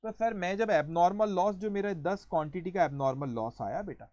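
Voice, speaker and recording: A male accounting teacher giving an online lecture in a lively storytelling manner, going through each point step by step and counting them off aloud. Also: high voice, a little fast, dry recording, highs cut off. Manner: explains step by step, counting points aloud and calling students "beta"; lively storytelling, acting out an example.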